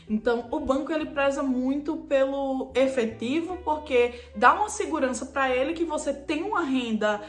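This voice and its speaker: A woman, a real estate agent, calmly and methodically explaining the steps to buy property. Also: high voice. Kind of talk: explanatory chat. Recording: echoey room with faint music.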